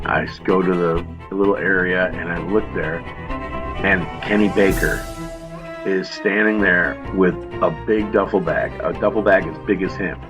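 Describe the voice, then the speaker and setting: A lower-pitched man spinning loose, meandering stories on a casual podcast, chuckling at his own punchlines as he goes. Music plays clearly behind his voice. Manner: rambling storyteller, laughs at own jokes. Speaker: podcast co-host. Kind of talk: casual chat.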